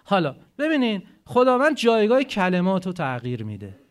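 A preacher with a high voice delivers an animated religious talk to a gathering. He swings between loud, emphatic phrases and quiet asides, and keeps asking his listeners rhetorical questions.

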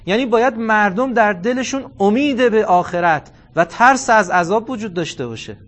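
A man in his forties delivers a religious lecture in a fairly high voice. He is animated, tells stories, and acts out bits of dialogue. He recites quotations in Arabic. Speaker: cleric lecturer.

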